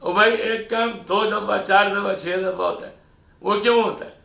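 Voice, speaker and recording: A man's voice: sits high, fairly even intonation, vocal fry, sharp tone. A middle-aged man from Pakistan delivering an opinion monologue, lecturing and scolding his listeners with rhetorical questions. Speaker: channel host. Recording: echoey room, voice distant from mic.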